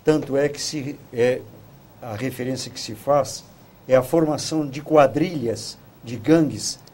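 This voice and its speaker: A man speaking as a guest commentator in a talk show debate, measured and formal. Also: medium pitch, dark tone, breathy edge.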